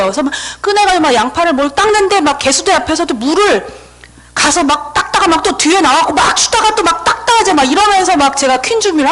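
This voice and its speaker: Animated woman telling a story at a seminar. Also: high voice, low-quality recording. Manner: lively, acts out her own dialogue. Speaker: invited seminar speaker. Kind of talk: motivational storytelling speech.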